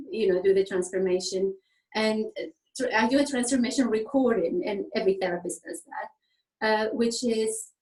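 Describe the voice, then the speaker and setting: A woman from Tunisia, raised speaking French and Arabic, talks about her therapy practice in a loose, conversational way. Her pitch sits in an ordinary middle range, and she laughs often and leans on fillers. The room around her is echoey. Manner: animated, laughs often, many fillers like "kind of like". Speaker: therapist guest. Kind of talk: conversational explanation.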